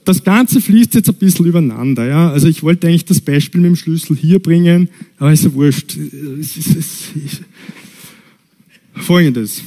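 Middle-aged man, pastor, lively storyteller, mellow and slightly high voice. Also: moderate pace. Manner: lively storytelling, pitch jumps up when stressing points. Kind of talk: sermon with personal stories.

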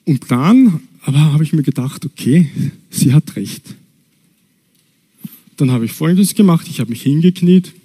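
A middle-aged man, preaching and telling personal stories in a lively, storytelling way. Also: a little fast, few pauses, slightly rough. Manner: lively storytelling, pitch jumps up when stressing points. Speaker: pastor.

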